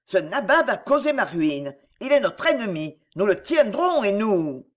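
A woman's voice: medium pitch, sing-song, unhurried. A woman reading a storybook and voicing an anxious young man, earnest and worried. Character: anxious young man, a fashionable ruined suitor.

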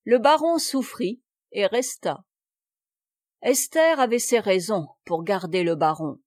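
A woman narrating a classic novel in a measured, theatrical reading style. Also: medium pitch, lively intonation, a little mellow, dry recording, clean studio sound. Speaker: audiobook narrator.

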